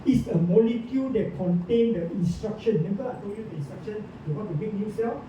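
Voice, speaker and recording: A man's voice: quick pace, warm tone. A man giving an informal lecture to a small group, constantly asking the listeners questions and filling gaps with "ah" and "uh". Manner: keeps quizzing listeners with questions, many "ah" and "uh" fillers. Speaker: presenter. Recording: echoey room, distant mic, dull sound, rumbling noise.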